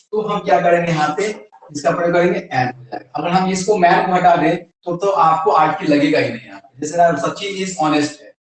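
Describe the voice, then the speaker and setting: A man with an Indian accent, an English teacher, giving a classroom grammar lesson and answering his own questions. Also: sits high. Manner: asks questions and answers them himself. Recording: very echoey room, voice from far off.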